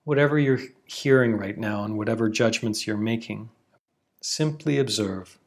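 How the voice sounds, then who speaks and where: A Canadian man gently guides a meditation, leaving long pauses between soothing instructions. His voice is slightly low, and his delivery is slow and calm.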